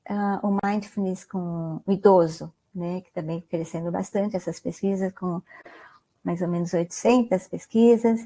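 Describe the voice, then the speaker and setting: Speaking a little slowly, a woman with a lowish, warm voice keeps her intonation fairly even. She has a Brazilian Portuguese accent and gives an online mindfulness talk as a guest lecturer, conversational in style, with frequent "né?" tags and questions to the audience.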